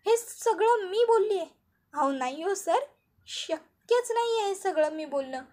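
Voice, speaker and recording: A woman's voice: very high-pitched, animated, unhurried, warm tone, voice pushed up. A woman voicing a frantic, pleading young wife. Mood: pleading, distressed. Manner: pleading, distressed questioning. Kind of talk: retelling TV serial dialogue.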